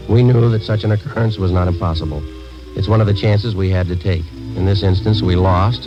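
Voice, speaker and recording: On a dull old radio recording with music behind it, an American actor plays a deadpan undercover police sergeant. His very low voice, close to an everyday one, rattles off facts quickly in clipped radio-drama narration. He sounds weary, businesslike and matter-of-fact.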